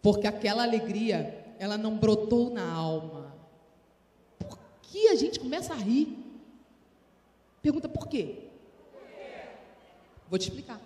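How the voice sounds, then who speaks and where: A woman with a Brazilian Portuguese accent preaching a sermon to women, often calling for responses from the congregation, her voice swinging between soft and loud. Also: measured pace, long pauses. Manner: calls for audience responses; animated, sudden rises in pitch and volume. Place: church hall. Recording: echoey hall with long reverb.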